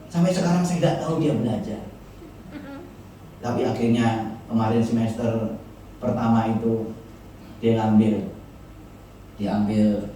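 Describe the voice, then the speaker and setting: A man preaching a sermon to his church, with animated delivery that leaps up in pitch when he quotes people. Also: unhurried, pauses often, a little hiss or hum. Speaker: pastor. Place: large church hall. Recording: very echoey hall from far off.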